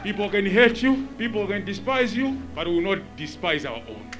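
A man's voice: high-pitched, expressive, moderate pace, a bit bright. A man giving an earnest, emphatic funeral address in a preaching style. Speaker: speaker offering support. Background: music.

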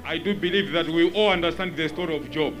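A man's voice: a little high, fast, poor audio. A man giving an earnest, emphatic funeral address in a preaching style. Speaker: speaker offering support. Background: music.

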